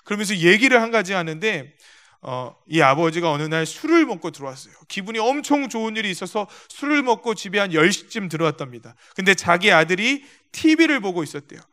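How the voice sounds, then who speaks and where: A man's voice: high voice, very animated, fairly quick, sharp tone. A male pastor preaching a sermon in a church, telling stories, acting out quotes and speaking directly to the congregation. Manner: storytelling with acted-out quotes. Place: church sanctuary.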